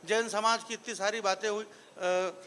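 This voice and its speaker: High, bright-voiced male comic poet. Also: fairly even intonation, unhurried, a little hiss or hum. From Marwari region of Rajasthan. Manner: joking asides with the crowd, rising into declaiming verse. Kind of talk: stage comedy poetry recitation. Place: live stage event before an audience.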